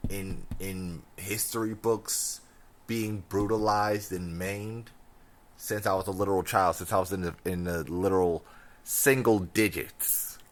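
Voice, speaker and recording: A young American man who sounds drunk, on a casual, slangy, incredulous rant, repeating himself and stumbling over his words. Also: lowish voice. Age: young adult. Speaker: film ranter.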